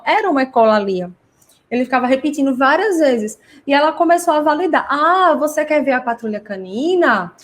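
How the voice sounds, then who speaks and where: A high-pitched woman with a Brazilian Portuguese accent hosts a live class for parents as a parent educator. She explains things conversationally, goes through plenty of examples, and often tacks on tag questions.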